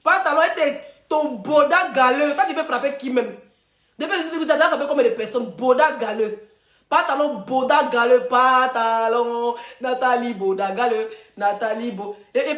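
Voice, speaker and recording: Woman, high voice, mocking live-stream host, echoey phone audio. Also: fast, a bit bright. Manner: taunting, chanting insults, laughing.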